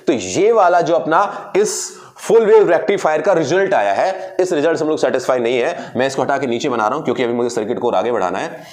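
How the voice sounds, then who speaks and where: A man's voice: medium pitch, animated, a little fast, darkish tone. A man teaching a physics lesson to students, asking and answering his own questions and repeating key words as he explains. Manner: addresses students directly, mixing in English phrases. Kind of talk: classroom physics lecture.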